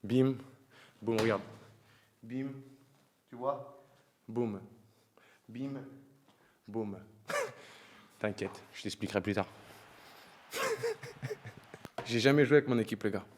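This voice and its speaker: A young man streaming a game live, slangy and joking, swinging from low mumbling to excited shouting. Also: takes it slowly, pauses often, slight background noise. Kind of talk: live gaming stream chatter.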